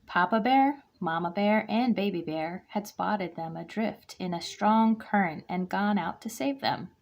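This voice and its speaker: Speaking a little slowly in a mid-range voice, a guest reader shares a children's picture book with a kindergarten class. She reads expressively and gives each character's lines their own performance.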